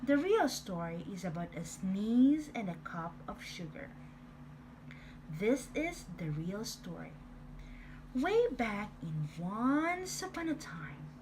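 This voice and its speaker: A woman's voice: a little high, background noise. A woman voicing a sly male wolf who tells his own side of a storybook tale in a playful, exaggerated way. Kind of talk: storybook reading.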